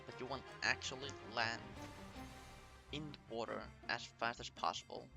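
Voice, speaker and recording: A man's voice: medium pitch, fairly even intonation, moderate pace, gravelly, over music. A man speaking as a speedrunner, giving a casual route tutorial in short, step-by-step instructional phrases. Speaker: speedrunner explaining a game route to viewers.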